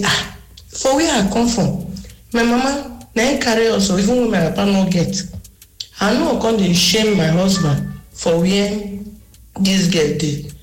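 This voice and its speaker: A woman's voice: mid-range voice, a little mellow, roomy sound, low-quality recording. A woman with a Nigerian Pidgin accent tells a personal story in a recorded voice message played on a radio show. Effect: recorded voice message played on air. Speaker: radio listener sending a message.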